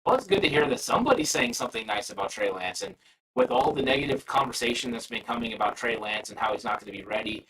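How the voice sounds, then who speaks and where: A man's voice: on the low side, lively intonation, quick pace, a bit bright, husky, far from the mic, rough recording. A man hosting a casual sports livestream, his voice coming through garbled and robotic from a bad connection, rambling with many restarts. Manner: rambling, frequent restarts and fillers. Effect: garbled robotic-sounding audio from a bad connection. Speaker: sports podcast host.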